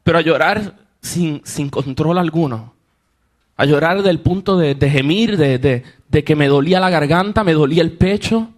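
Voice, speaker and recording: A man's voice: fairly high pitch, moderate pace. A young man preaching to a congregation, telling a personal story and acting out the voices of the people in it. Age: young adult. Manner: storytelling, acts out quoted voices, rises with emotion. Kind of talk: sermon testimony to a congregation.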